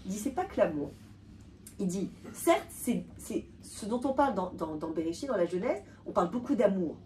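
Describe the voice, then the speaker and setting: Woman lecturer, mellow dark tone, recorded distantly in a hall with faint room noise. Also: medium pitch, moderate pace. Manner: animated, emphatic, restarts and repeats words. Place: hall with a live audience.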